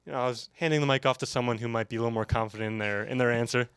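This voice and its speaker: A man's voice: medium pitch, steady tone, racing, a bit bright, clear, resonant tone, dry recording, clean studio sound. A young man, a university student in a band, answering interview questions hesitantly and with a lot of easy laughter. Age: young adult. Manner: hesitant, laughs easily, modest. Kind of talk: casual interview chat.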